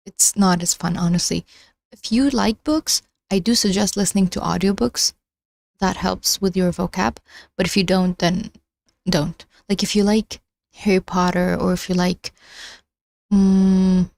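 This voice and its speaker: A young woman who isn't a native English speaker livestreams casually from her phone, rambling with lots of restarts and giggles. Her voice is fairly low, creaky, and darkish, captured in a dry, studio-quality recording.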